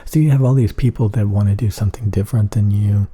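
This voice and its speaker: Monotone emotionless asmr dude, kinda husky and real soft dark tone, just meandering along. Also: male voice, on the low side, fast talker. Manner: hesitant, meandering. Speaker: ASMR video creator. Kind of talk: rambling monotone ASMR talk.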